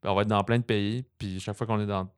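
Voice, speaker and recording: Low, smooth-voiced Quebecois man. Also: fast talker, no echo, clean studio sound. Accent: Quebec French. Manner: animated, digressive storytelling. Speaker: film review co-host. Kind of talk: casual film review chat.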